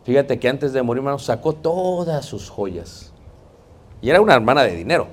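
A man's voice: medium pitch, expressive, normal speed, a little hiss or hum. A man with a Mexican Spanish accent preaching a sermon in a conversational, joking way, often calling out to the congregation. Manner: conversational, joking, keeps addressing the congregation as brothers.

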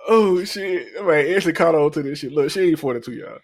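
Brash, animated man of thirty. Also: a little high, a little fast. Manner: brash, profane, bursts into loud laughter. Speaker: podcast host. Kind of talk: casual chat.

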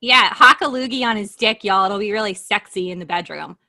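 A woman's voice: mid-range voice, a little fast, sharp tone, no room sound, studio quality. A woman co-hosting a casual podcast chat, blunt and profane, reading items from a list and laughing often. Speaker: podcast co-host.

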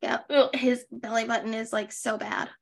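A woman chats casually as a podcast co-host, snarking her way through a reality-show recap. Her voice sits a little high, with a gravelly fry at the ends of phrases. She rambles and leans hard on "like". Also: level tone, moderate pace. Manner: snarky, rambling, heavy use of "like".

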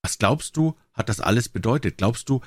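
A man reading the lines of a curious young gentleman in an audiobook story. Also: medium pitch, expressive, normal speed, no room sound, studio quality, lightly acted.

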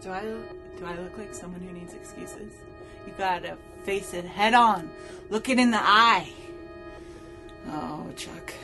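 A woman's voice: lowish voice, unhurried, pauses often, faint music behind. An actress playing a sarcastic woman show host who has been drinking, with a smoky voice and a rambling manner. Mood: tipsy. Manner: sarcastic, rambling, swings loud and soft. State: tipsy from drinking. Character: tipsy sarcastic woman podcast host, prickly. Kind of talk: audio drama.

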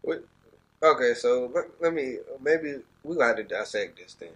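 A man's voice: mid-range voice, expressive, normal speed, fairly bright tone, breathy edge, poor audio. A young man hosting a casual podcast, teasing and playful, full of slang and rambling. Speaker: podcast host.

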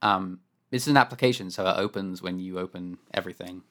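A man's voice: deep voice, fairly quick, a bit bright. A man co-hosting a podcast from home, chatting casually about a game in a rambling, wry way, often correcting himself. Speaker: podcast co-host. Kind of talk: casual chat.

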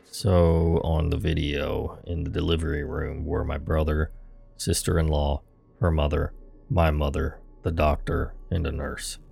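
Super deep guy reading a creepy story, flat, gravelly, soft music under. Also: unhurried. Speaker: podcast host and narrator. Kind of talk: scripted horror story narration.

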